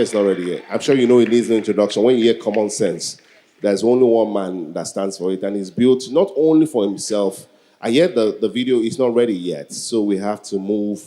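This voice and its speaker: Emceeing a live event, this co-host, a man in his early forties from Lagos, Nigeria, speaks with a Nigerian accent in a fairly low, dark voice. He keeps things loose with joking, improvised banter and questions to the audience.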